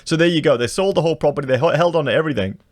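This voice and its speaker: A man's voice: on the high side, rapid-fire, no room sound, studio quality. An Australian man, a vlogger, reading news items aloud and breaking off into indignant commentary with slang and rhetorical questions. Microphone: podcast microphone.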